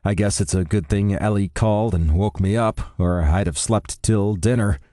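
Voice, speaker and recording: A man's voice: on the low side, normal speed, dark tone, no room sound. A man narrating a first-person romance audiobook in a dry, wry manner.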